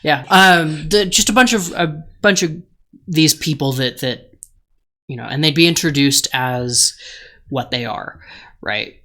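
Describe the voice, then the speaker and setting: Podcast co-host, male, slow and hesitant, thinking aloud through a pitch. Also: bright, forceful tone. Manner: hesitant, many ums and restarts. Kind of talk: casual chat.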